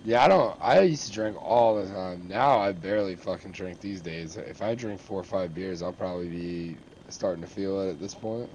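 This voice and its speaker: A man's voice: low voice, normal speed, few pauses, darkish tone, lo-fi sound, slight background noise. A man in his thirties chatting casually in game voice chat. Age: 30s.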